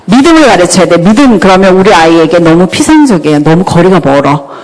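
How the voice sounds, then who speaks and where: A woman giving a church talk on parenting, lively and often asking the audience questions. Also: on the low side, fast. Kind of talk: church lecture. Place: church hall. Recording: long hall reverb.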